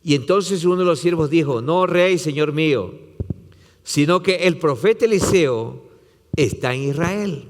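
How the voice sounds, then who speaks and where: A man's voice: on the high side, in a large hall. A man, a pastor preaching a sermon, retelling scripture with dramatic voicing and repetition.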